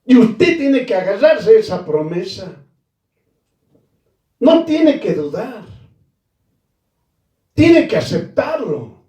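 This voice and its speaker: A man preaching a sermon at a very slow pace, his fairly high voice rising and falling. His tone is dark and mellow, and he leans on repeated phrases. He sounds a little far from the mic in a roomy, echoing space. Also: sing-song. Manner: addresses listeners as brother.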